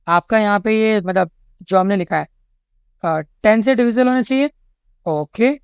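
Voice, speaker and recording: A woman's voice: a little high, clear, resonant tone, no echo, studio quality. Indian woman tutoring exam questions. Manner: says "theek hai" and "chalo" after nearly every step; reads English question lines slowly and deliberately. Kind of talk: explaining exam questions step by step.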